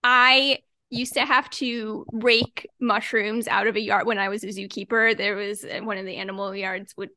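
A woman's voice: mid-range voice, flat delivery, moderate pace, few pauses, pushed and bright, dry recording, clean studio sound. A woman co-hosting a podcast in casual chat, leading the conversation with a chatty, laughing manner. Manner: chatty, leads the topic with frequent laughs. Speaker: podcast co-host.

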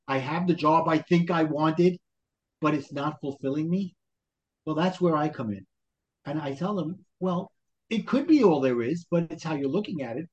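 On a lo-fi recording, a Brooklyn-accented man with a fairly high, slightly mellow voice talks as a life coach on a podcast. Originally from Brooklyn, New York, he motivates by posing questions and voicing the things people tell themselves.

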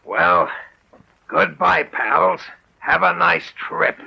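An excitable, murderous henchman from an old radio crime play. His slangy tough-guy voice is highish and heavily creaky, swinging widely in pitch. The recording is dull and noisy. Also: extremely slow, heavily acted. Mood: gloating. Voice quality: gravelly, creaky. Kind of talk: old-time radio crime drama acting.

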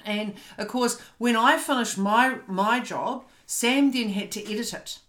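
A woman's voice: fairly high pitch, a little slow, fairly bright tone. A woman hosting a podcast from home, talking candidly and often stopping to search for words. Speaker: podcast host. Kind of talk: casual chat. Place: home, on a couch. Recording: roomy echo.

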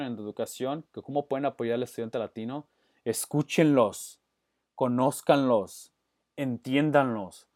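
A man's voice: medium pitch, no echo, studio quality. A man who works as an educator, answering interview questions earnestly, often slipping English words into his Spanish and restarting phrases. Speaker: guest, educator.

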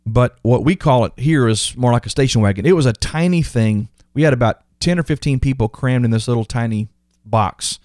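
A man's voice: mid-range voice, a little fast, a little mellow, no echo, studio quality. A man hosting a podcast, telling stories in an emphatic motivational monologue and repeating key phrases. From United States. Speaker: podcast host.

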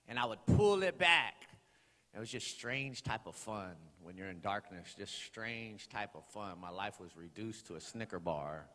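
Standing before a congregation in a church sanctuary, this Los Angeles-area man in his forties shares his testimony in a lowish voice. His speech is loose and filler-heavy, swelling at times into loud bursts of preaching, with long hall reverb around him.

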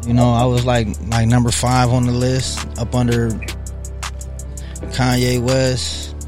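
A man's voice: medium pitch, monotone, unhurried. A man from California, a guest rapper in casual interview chat, talking laid-back and slangy, often asking "you feel me". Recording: music playing behind. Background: music.

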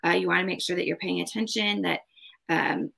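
A woman's voice: lowish voice, steady tone, fairly quick, vocal fry, a bit bright. A woman giving a casual spoken card reading as host, advising in an emphatic, repetitive way. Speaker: tarot card reader and host.

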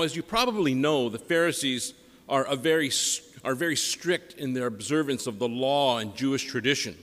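A priest reading the gospel and preaching a homily in deliberate, measured phrases, his voice carrying a long cathedral echo. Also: mid-range voice, fairly bright tone. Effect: cathedral echo, long church reverb. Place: large parish church. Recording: long reverb of a large church.

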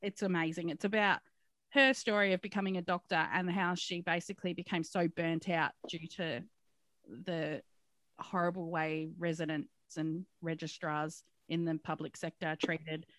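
A woman co-hosting a podcast in casual chat, chatty and quick to laugh. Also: fairly low pitch, steady tone, a bit bright, no echo. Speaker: podcast co-host.

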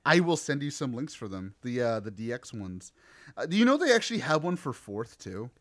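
A man's voice: medium pitch, sing-song, fairly quick. A man, co-hosting a podcast in casual chat, teasing, laughing and swearing freely. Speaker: podcast co-host.

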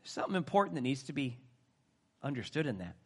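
A middle-aged man preaching a sermon, swinging between soft, earnest talk and loud bursts. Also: mid-range voice, very animated, quick pace, breathy edge. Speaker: pastor.

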